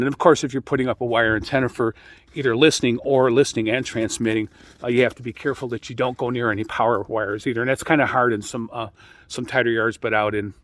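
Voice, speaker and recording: A middle-aged American man giving an informal, rambling explanation as a radio hobbyist, speaking in a halting way. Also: medium pitch, a bit bright, dry recording. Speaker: amateur radio hobbyist hosting an introductory video.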